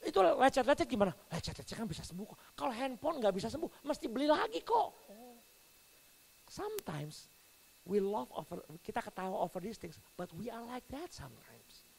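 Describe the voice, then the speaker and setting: A man preaching a sermon as pastor, telling stories with sudden swings from soft to loud. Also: very high-pitched, normal speed, gravelly, breathy edge, low-quality recording. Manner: animated storytelling with big swings in volume.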